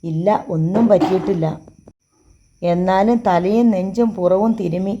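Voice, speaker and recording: A woman narrating a story for an audiobook in a steady, measured reading. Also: on the low side, dull audio.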